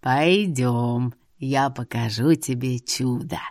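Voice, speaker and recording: A woman voicing a sly, teasing old male seer with a long beard who drawls slowly. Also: very deep voice, lively intonation, no echo, clean studio sound, voice pushed down.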